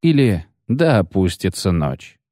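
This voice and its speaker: A man's voice: sits low, big pitch swings, a little slow, dark tone, no echo, studio quality, exaggerated voice. A man voicing a weary male army commander who gives curt, stern orders. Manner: commanding, then muffled.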